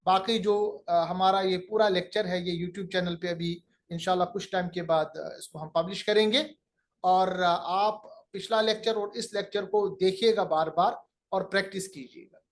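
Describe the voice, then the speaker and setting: A man teaching Quranic recitation in a recorded lecture, explaining each sound step by step and demonstrating it slowly. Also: sits high, fairly even intonation.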